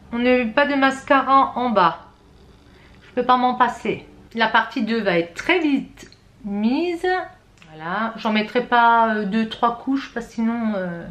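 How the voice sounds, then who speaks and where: A woman's voice: high voice, fairly bright tone. A middle-aged woman from France, chatting her way through a makeup tutorial, talking straight to her viewers and often correcting herself. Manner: chatty, self-correcting, addresses viewers directly. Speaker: beauty vlogger.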